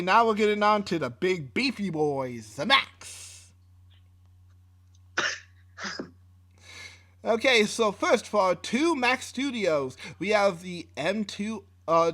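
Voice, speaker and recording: This podcast co-host has a high-sitting, fairly bright voice. He reads tech specs on a casual show, laid-back and mildly swearing, with plenty of fillers and restarts.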